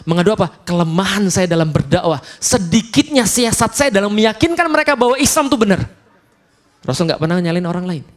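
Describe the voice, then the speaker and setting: A man with an Indonesian accent preaching a lively, humorous sermon at a study gathering, acting out quotes dramatically. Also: sits high, a little fast. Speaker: Islamic preacher.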